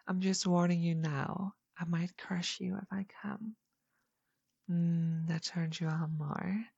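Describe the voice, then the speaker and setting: Woman playing a breathy, slow seductive superheroine. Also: medium pitch, fairly even intonation, no room sound, muffled recording, exaggerated voice. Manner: breathy, slow, often half-whispered. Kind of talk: intimate erotic audio role-play.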